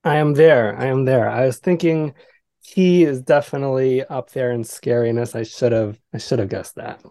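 A man joining a casual podcast remotely, chiming in with dry, deadpan remarks. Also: mid-range voice, moderate pace, no room sound.

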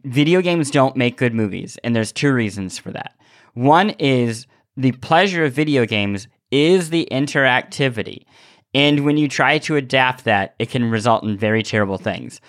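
A podcast co-host speaks casually yet analytically in a medium-pitched, fairly bright voice with lively intonation and normal speed, often repeating words as he builds an opinionated argument. The studio recording is clean, with no echo.

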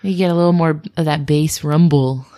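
Chatty woman podcast host, slightly low voice. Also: fairly even intonation, fairly quick, warm tone. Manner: chatty, playful, dry jokes. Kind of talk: casual podcast chat.

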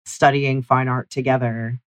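An artist speaking in a casual conversation, warm and given to laughing. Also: medium pitch, little pitch movement, a little slow, no echo.

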